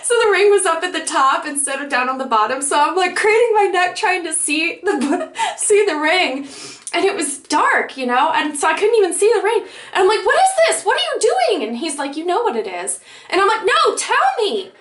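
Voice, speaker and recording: A young woman vlogger excitedly telling a personal story, giggly and bubbly, acting out both sides of a conversation. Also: very high-pitched, brisk. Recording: echoey room.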